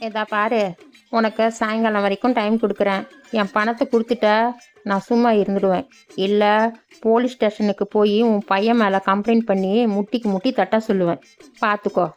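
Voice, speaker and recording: A woman's voice: medium pitch, steady tone, fairly quick, soft background music, close to an everyday voice. A woman voicing a greedy, cheating village man in a cartoon, with a threatening, demanding manner. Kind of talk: cartoon voice acting. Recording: dull lo-fi sound.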